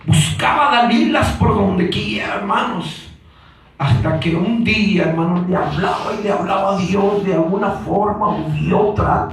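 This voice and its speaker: A man preaching a Pentecostal sermon, repeating "brothers" constantly and building to shouts. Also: sits high, unhurried, faint music behind. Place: church hall. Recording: very echoey church from a distance.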